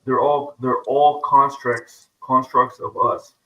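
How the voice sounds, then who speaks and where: A man talking casually on a podcast, telling stories with animated asides and quick put-on voices. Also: mid-range voice, muffled recording. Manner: animated storyteller, slips into voices of others.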